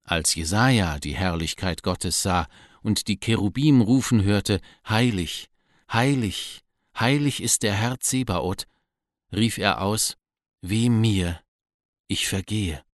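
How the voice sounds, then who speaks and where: A man with a very deep voice reads a devotional text aloud in a measured, solemn way. The recording is dry and close, with no room sound. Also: no echo. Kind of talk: scripted devotional reading.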